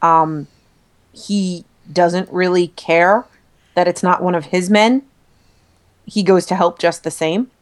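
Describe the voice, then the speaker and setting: Woman on a podcast, lowish voice, earnest and steady. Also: slow, long pauses. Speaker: podcast co-host. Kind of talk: casual discussion of a TV episode.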